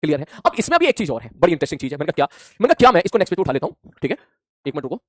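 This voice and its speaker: Lively fast-talking male physics teacher. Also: on the high side, no room sound, studio quality. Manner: animated, plays out imagined student replies. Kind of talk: classroom lecture.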